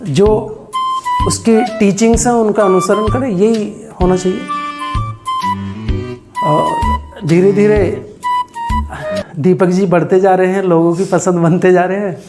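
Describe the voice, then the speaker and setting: A man, a teacher, giving an earnest, halting speech at a small celebration, with many fillers. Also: high voice, steady tone, over music.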